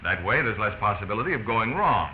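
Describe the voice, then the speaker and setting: A fast-talking American narrator with a lowish voice and big pitch swings guides the listener through a 1940s instructional film. His manner is emphatic and instructive, and the old soundtrack is muffled and noisy.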